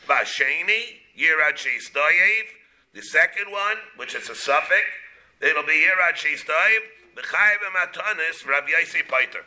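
A man with a very bright, forceful, somewhat high voice gives a Talmud lesson. He works through the text in short phrases, repeats them, and asks questions that he then answers himself. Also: low-quality recording. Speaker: rabbi teaching a class. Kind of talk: Talmud lesson, reading and explaining.

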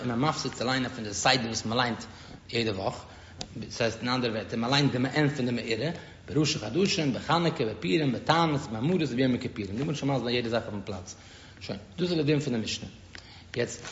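Rabbi teaching Talmud in Yiddish. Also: male voice, medium pitch. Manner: halting, repeats words while explaining. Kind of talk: Talmud lesson. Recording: dull echoey room recording with faint noise.

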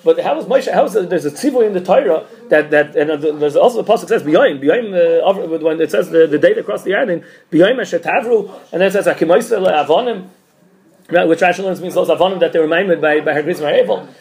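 His voice sits high and a little mellow as he teaches an informal Talmud class. He works through ideas aloud, haltingly, frequently going back over and restarting his phrases.

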